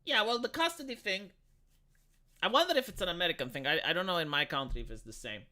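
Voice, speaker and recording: Tinny, animated man. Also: high voice, fast. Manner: argumentative, blunt, swearing. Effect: tinny, metallic sound. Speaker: live streamer. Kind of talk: casual opinionated chat, answering comments.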